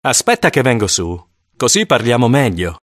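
A reader doing a deep coaxing vampire dad. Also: sing-song, normal speed, dry recording, studio quality. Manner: affable, persuasive. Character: vampire father, friendly and coaxing.

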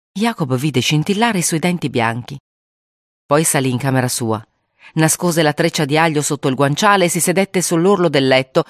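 Expressive storybook reader, dry close sound. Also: mid-range voice, no echo. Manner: expressive, acts out the voices. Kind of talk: storybook read aloud.

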